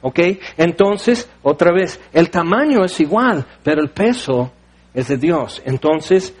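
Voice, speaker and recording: A man's voice: a little high, animated, slow, breathy edge. A man with a Mexican accent preaching a sermon, telling stories with everyday analogies and firing off rhetorical questions. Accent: Mexican Spanish.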